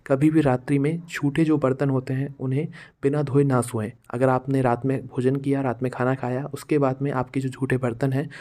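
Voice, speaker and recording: A man's voice: mid-range voice, flat delivery, fairly quick, hardly any pauses, dark tone. A man talking casually to his viewers, giving household advice in a repetitive, friendly way and calling them friends. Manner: repetitive, addresses listeners as friends. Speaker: vlogger giving household remedies.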